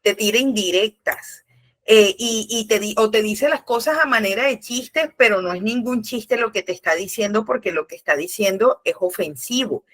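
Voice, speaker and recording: A woman's voice: mid-range voice, moderate pace, fairly bright tone. A middle-aged woman with a Colombian Caribbean coast accent, teaching from scripture in a church talk, conversational and full of restarts. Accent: Colombian Caribbean coast Spanish. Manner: conversational, acts out dialogue, many restarts. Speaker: church speaker.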